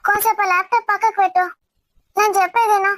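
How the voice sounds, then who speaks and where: A whiny young wife begs her husband to let her go home for a week, as a woman acts her out. Her voice sits very high and she keeps pushing, insistent and pleading. The sound is dry, with no room around it. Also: flat delivery, racing, fairly bright tone, dry recording. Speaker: actor in a family comedy drama. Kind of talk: amateur family drama acting.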